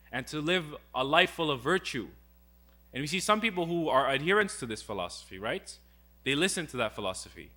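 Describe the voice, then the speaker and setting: A man's voice: on the high side, sharp tone. A young man giving a religious talk, earnest and full of rhetorical questions as he retells a story. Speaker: speaker.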